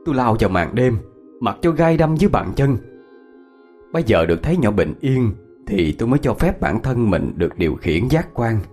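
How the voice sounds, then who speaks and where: A man's voice: medium pitch, very animated, a little mellow, faint music behind. Dramatic male horror storyteller. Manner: tense, dramatic, slowing for suspense. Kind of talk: first-person horror story narration.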